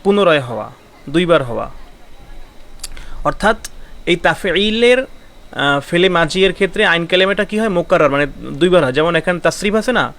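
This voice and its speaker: A man's voice: high voice, expressive, brisk, long pauses, a bit bright. A man giving an online Arabic grammar lesson, explaining patiently, repeating key terms and asking rhetorical questions.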